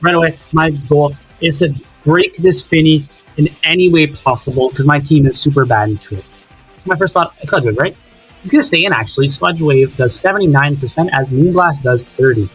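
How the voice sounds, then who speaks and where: A man's voice: a little high, a little fast, husky, faint music behind, low-quality recording. A young man casually talking through his own game, thinking aloud and swearing now and then. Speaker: gaming commentator. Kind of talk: casual commentary over gameplay footage.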